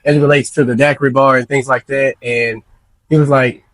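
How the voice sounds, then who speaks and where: A man's voice: medium pitch, level tone, fairly quick, no room sound. A man from Louisiana, a banking executive and bar owner, telling his story in a casual interview. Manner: storytelling, laughs lightly while telling.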